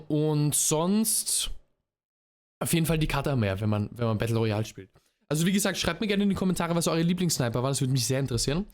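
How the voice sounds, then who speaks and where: A man's voice: on the high side, a little mellow. A young man streamer giving casual reaction commentary, laid-back and dropping English gamer slang into his talk.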